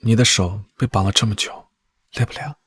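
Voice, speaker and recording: An actor playing a devoted young prince about to become emperor, talking softly and teasingly to the woman he loves. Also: lowish voice, fairly quick, breathy edge, dry recording, studio quality. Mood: tender. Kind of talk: TV costume drama dialogue.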